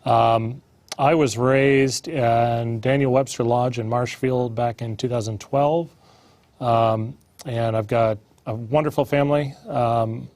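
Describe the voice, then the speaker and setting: A man's voice: medium pitch, a little mellow, dry recording. A man in his thirties from Massachusetts, introducing himself in a friendly way with frequent fillers. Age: 30s. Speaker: panelist. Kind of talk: self-introduction on a panel.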